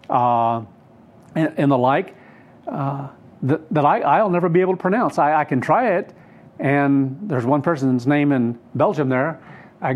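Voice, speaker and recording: A man's voice: on the high side, dull audio. Earnest rambling male Bible teacher. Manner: rambling, self-correcting, earnest.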